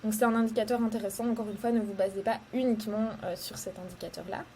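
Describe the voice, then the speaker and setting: A woman's voice: medium pitch, fairly even intonation, fast, mellow, a little hiss or hum. A young woman from Belgium explaining ad metrics in a casual tutorial, hesitant and full of fillers, going step by step. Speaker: social media ads coach. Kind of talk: casual tutorial talk to camera.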